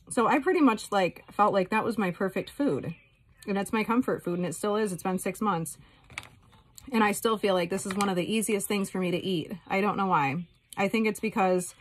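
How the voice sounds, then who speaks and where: Casual woman vlogger just rambling along, candid and chatty, mid pitched voice.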